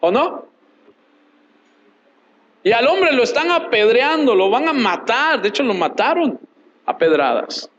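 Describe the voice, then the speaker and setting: A man preaching a sermon as a pastor. He asks questions and answers them himself, repeats short phrases for emphasis and reads scripture aloud in a measured way. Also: very high-pitched, very animated, fairly bright tone, highs cut off, a little hiss or hum. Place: church.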